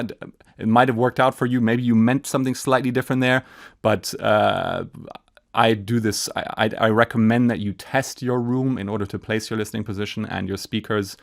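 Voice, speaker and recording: A man in his thirties with a German accent and a gravelly, mid-range voice answers viewer questions about acoustics. He explains things casually and enthusiastically, with lots of fillers and restarts, speaking into a stand-mounted studio microphone in an acoustically treated home studio.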